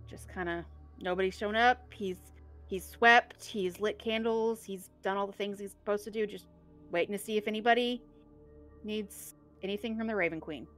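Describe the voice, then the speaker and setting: A woman's voice: medium pitch, normal speed, fairly bright tone, faint music behind. Lady running a tabletop game, mid voice, rambly, keeps restarting lines. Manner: loose, rambling, many restarts. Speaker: game master.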